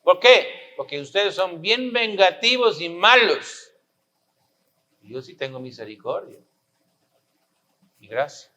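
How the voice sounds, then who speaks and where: A man's voice: high voice, very animated, slow, pauses often, pushed and bright. A pastor preaching a sermon, pressing his listeners with rhetorical questions and repeating his points for emphasis.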